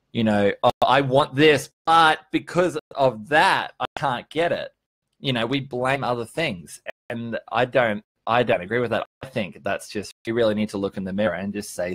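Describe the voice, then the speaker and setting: In a medium-pitched voice with no room sound, a vlogger in his early thirties hosts a live stream, casually and earnestly answering viewers. The motivational chat is informal, with some swearing and emphatic points.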